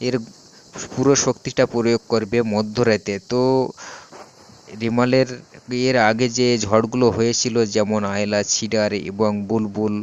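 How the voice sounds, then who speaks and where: Low, smooth-voiced man, muffled recording. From West Bengal, India. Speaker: vlogger addressing viewers. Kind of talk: live weather update to viewers. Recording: dull, muffled lo-fi sound.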